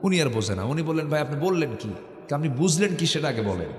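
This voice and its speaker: Echoing Bengali preacher rousing a crowd. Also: male voice, a little high, very animated, quick pace, darkish tone. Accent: North Bengal. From Bangladesh. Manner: call-and-response with the crowd. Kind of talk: sermon. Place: large outdoor sermon gathering. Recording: echoey hall, long reverb.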